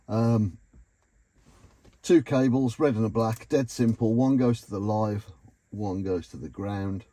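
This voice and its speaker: A British car DIY vlogger with a warm tone and a voice on the low side narrates his work on a car in a casual, matter-of-fact, informal way. The audio picks up noticeable background noise and clicks.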